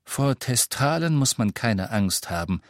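Man doing steady grown father, firm, reassuring, dry studio reading. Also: medium pitch, a little slow, dry recording.

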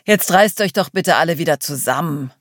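A woman's voice: low voice, animated, normal speed, no echo, studio quality. A woman reading the part of a young man who snaps at the group, impatient and irritated. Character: young man feigning calm bravado.

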